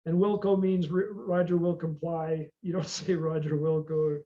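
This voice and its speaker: High-pitched American man teaching, dull lo-fi sound. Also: level tone, normal speed. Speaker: boating class instructor. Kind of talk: informal classroom lecture.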